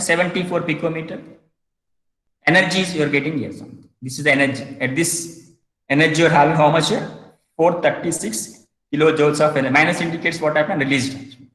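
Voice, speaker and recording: A man's voice: a little high, a bit bright. A male chemistry teacher, lecturing and asking himself question after question. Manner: repetitive rhetorical questions, self-answering. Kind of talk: classroom lecture. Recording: echoey hall.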